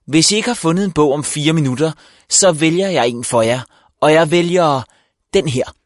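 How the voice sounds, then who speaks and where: A man's voice: fairly high pitch, dry recording, clean studio sound, natural voice. Man putting on a curt, impatient librarian woman. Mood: brisk. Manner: curt, clipped, counting down time. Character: brisk impatient adult woman, school librarian.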